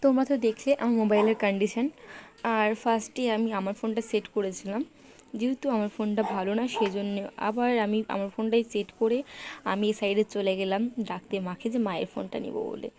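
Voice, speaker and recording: A woman, narrating her family vlog in a loud, chatty, animated voice-over. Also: medium pitch, normal speed, crowd noise. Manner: chatty and animated, talks loudly. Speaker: vlogger and mother.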